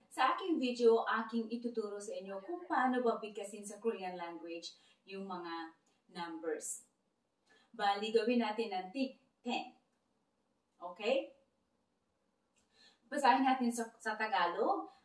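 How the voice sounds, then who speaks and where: A woman language teacher leading a counting drill, reading number lists aloud carefully and deliberately. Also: mid-range voice, recorded from a distance. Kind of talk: slow counting drill lesson. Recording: roomy echo, voice away from the mic.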